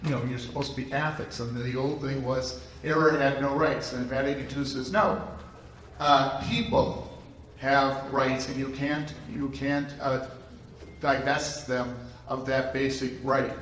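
An older man, a Jesuit priest, giving an animated lecture with many ums and restarts into a handheld mic. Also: medium pitch, unhurried, a little hiss or hum. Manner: animated, gestures widely, many fillers and restarts. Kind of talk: conference lecture. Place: large conference room with audience. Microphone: handheld microphone, far camera. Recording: echoey hall, heard from far off.

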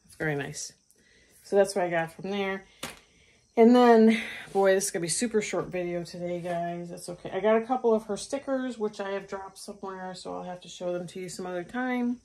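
Speaking fairly quickly in a mid-range, dark-toned voice, a middle-aged craft channel host talks through her recent craft purchases in a stitching vlog. Her delivery is casual, full of ums and restarts.

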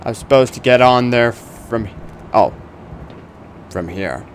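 A man in his twenties giving casual, halting, wry gaming commentary into a close desk microphone. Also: medium pitch, slight background noise. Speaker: gaming video host. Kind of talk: casual let's play commentary. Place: small room indoors. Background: video game ambience.

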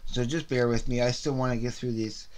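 This Canadian man hosts his own CD review video series, giving a casual, unscripted album review that rambles, repeats words and restarts sentences. His throat sounds slightly scratchy. The voice sits at medium pitch with a steady tone, moves fairly quickly and is a little mellow.

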